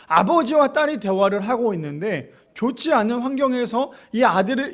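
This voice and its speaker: A man in his thirties preaching a sermon as pastor, talking directly to the congregation and growing emotional as he makes his point. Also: very high-pitched. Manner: emotional, rising to loud exclamations when quoting God.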